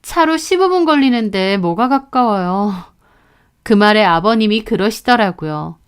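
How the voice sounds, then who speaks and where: A woman's voice: medium pitch, expressive, moderate pace, clean tone. A woman narrating a first-person family story in an indignant, confiding manner.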